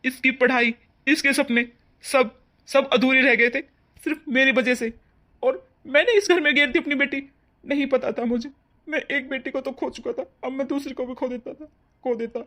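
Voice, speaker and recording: A woman's voice: high-pitched, moderate pace, sharp tone. A woman voicing a grief-stricken middle-aged father in a dubbed cartoon family drama, speaking in a pleading, heavy way. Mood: grieving.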